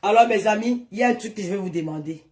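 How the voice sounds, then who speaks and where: With a medium-pitched, darkish voice and a fast pace, an influencer livestreams from home on her phone, chatting to followers, displaying items on camera and scolding commenters.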